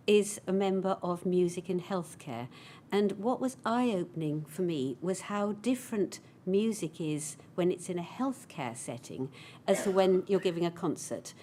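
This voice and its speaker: A woman's voice: on the low side, expressive, unhurried, darkish tone, a little hiss or hum. A woman hosting a conference session, talking in a chatty, storytelling way. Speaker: conference host. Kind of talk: conference talk.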